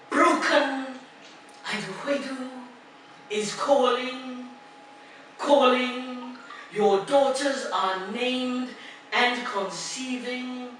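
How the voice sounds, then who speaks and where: An older woman from Ghana speaks at an unhurried pace from a podium in a large wood-panelled lecture hall. She is heard from afar through a booming echo, with a steady noise underneath. Her talk moves from rhythmic chanting to reflective storytelling. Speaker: alumni speaker. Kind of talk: lecture with recited poem. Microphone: podium mic, recorded from a far camera. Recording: distant, very echoey hall recording with noise.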